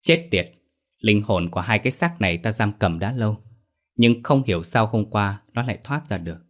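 A man's voice: lowish voice, brisk, close to an everyday voice. A man voicing a scheming male demon master who speaks in a cold, commanding way in a horror audio story.

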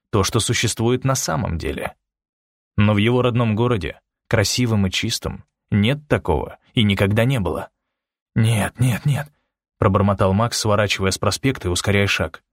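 A man narrating a story in a steady, expressive audiobook reading. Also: fairly low pitch, brisk, no room sound, studio quality. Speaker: audiobook reader.

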